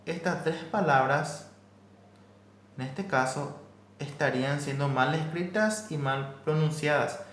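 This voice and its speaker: A man teaching a language class, explaining slowly and carefully and repeating each example. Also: mid-range voice, reverberant, a little hiss or hum. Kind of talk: recorded class lesson.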